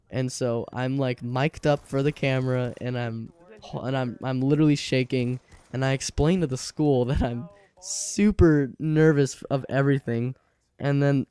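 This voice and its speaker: A man's voice: medium pitch, a little mellow, clean tone. A teenage young man chatting casually over gameplay at home, rambling and laughing often. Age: late teens. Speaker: gaming channel host. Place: alone at home by his computer.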